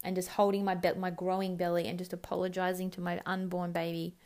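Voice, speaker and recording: A woman's voice: lowish voice, monotone, quick pace, darkish tone. Candid Australian woman telling a raw story. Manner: candid and raw, swears freely, quotes others in bursts. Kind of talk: personal story told to camera.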